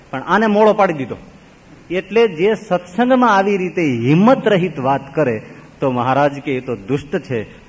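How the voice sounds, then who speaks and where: A man preaching a sermon as a swami, telling stories with animated swings between loud exclaims and low murmurs. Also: husky. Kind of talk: Gujarati sermon with storytelling. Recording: long reverb of a hall.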